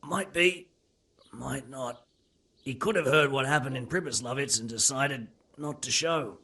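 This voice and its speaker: A husky, sardonic captured brigand. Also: male voice, medium pitch, a little slow, bright, forceful tone, exaggerated voice. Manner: sardonic, evasive, rough-spoken.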